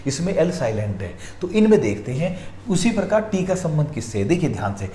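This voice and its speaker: A man teaching reasoning practice questions, walking through each answer step by step and telling viewers to pause and look carefully. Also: fairly high pitch, very animated, warm tone. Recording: echoey room, faint noise.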